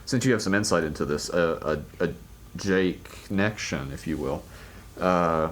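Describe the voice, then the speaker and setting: A man's voice: sits low, normal speed, a little hiss or hum. A man co-hosting a casual podcast, playful and self-mocking in his banter. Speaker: podcast co-host. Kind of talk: casual chat.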